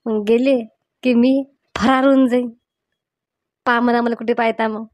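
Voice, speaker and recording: A woman's voice: on the high side, flat delivery, darkish tone, no echo, lightly acted. A woman playing a boastful but cowardly young village man, panicky and whining. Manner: bragging then panicky, fast whining.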